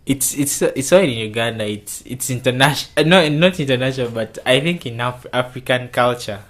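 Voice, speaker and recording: A young man from Kenya answering interview questions in a casual, halting way, often repeating his words as he starts. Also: mid-range voice, fairly bright tone. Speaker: interview guest.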